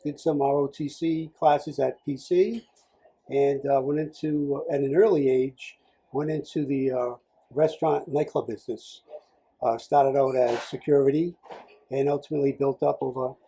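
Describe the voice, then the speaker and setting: Rambling older man with a dark, husky voice. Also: on the high side, poor audio. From Rhode Island. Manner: rambling, many fillers and restarts. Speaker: political candidate guest. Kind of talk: casual interview.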